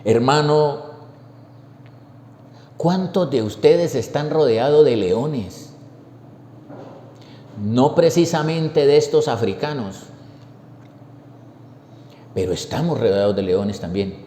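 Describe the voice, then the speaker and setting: A man preaching a sermon, telling the story slowly and emphatically with repeated phrases. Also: mid-range voice, lively intonation, mellow, roomy sound, in a large hall, a little hiss or hum.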